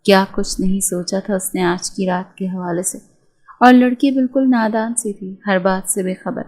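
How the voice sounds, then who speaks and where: A woman narrates a romance novel in a steady, measured storytelling voice. Her pitch sits in an ordinary middle range. The tone is soft and mellow rather than bright. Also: low-quality recording.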